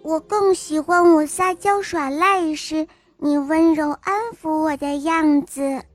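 A woman's voice: high voice, steady tone, slow, faint music behind, pitched above the performer's own voice. Woman doing a sweet little bunny. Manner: sweet, cooing, childlike.

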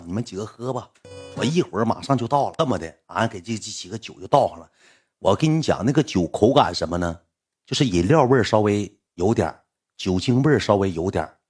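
A man in his twenties with a Northeastern Chinese accent, telling a personal story in a casual, animated way, often dropping to a hushed voice to quote others. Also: fairly low pitch, slightly rough. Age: 20s.

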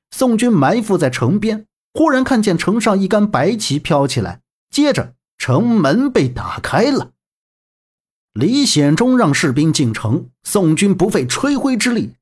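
A storyteller narrating a serialized historical novel in an expressive manner. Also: medium pitch, slightly rough.

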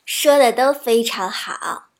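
A woman reading children's stories aloud, in a gentle storybook narration with a soft delivery. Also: a little high, slow.

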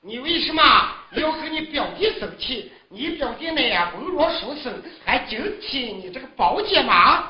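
A woman's voice: high voice, big pitch swings, moderate pace, few pauses, reverberant, highs cut off, a crowd in the background. A woman voicing a stern older mother who scolds and questions her son, in Shaanbei storytelling. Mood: scolding. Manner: scolding, commanding. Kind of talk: Shaanbei storytelling role-play.

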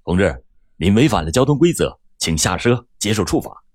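A man voicing a calm, polite young male traffic officer who speaks steadily. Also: on the low side, normal speed, no room sound, studio quality, pitched below the performer's own voice.

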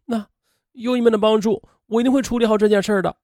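A man voicing a tearful, coy young female student in a soft, breathy voice. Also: high voice, fairly even intonation, moderate pace, dry recording, studio quality, voice pushed up, natural voice. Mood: choked up. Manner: coy, teasing.

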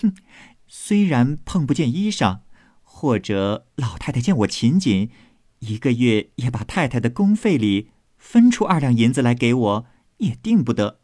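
A man reading aloud voices a proud, sharp-tongued young maidservant who speaks with sarcasm and indignation, in a storybook reading. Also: mid-range voice, very animated, unhurried, no echo, clean studio sound. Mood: sharp retort.

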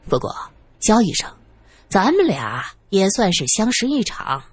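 A woman doing a brash, fast-talking young man. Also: mid-range voice, sing-song, slightly rough, dry recording. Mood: wheedling. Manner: brusque, fast and offhand.

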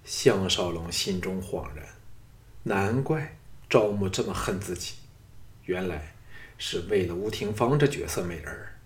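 A man narrating an audiobook in a dramatic, expressive storytelling style. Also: deep voice, unhurried.

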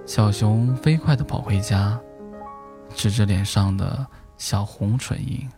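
A man narrating a bedtime story in a gentle, unhurried way, lightly voicing the animal characters. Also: on the low side. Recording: soft music behind the voice. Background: soft instrumental music.

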